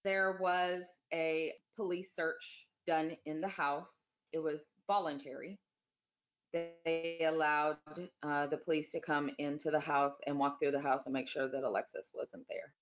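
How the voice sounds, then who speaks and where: A woman being interviewed, giving an unscripted account in a plain, deliberate, factual way. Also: sits low, little pitch movement, lo-fi sound, soft background music.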